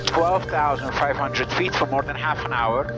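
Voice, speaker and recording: A man's voice: a little high, moderate pace, loud music behind the voice. A man piloting a small plane, talking methodically over cockpit audio as in air traffic control radio calls and flight explanations. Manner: methodical, instructive. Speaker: pilot and vlogger. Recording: cockpit audio with loud background sound.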